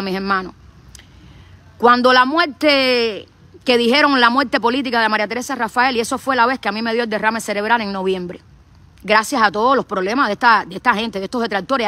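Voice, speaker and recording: A middle-aged Cuban woman streams live from her phone, her voice bright and sharp and pitched a little high. She talks in a fiery, repetitive, preacher-like way with a Cuban accent. The sound is close and dry. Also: no room sound. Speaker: activist streamer.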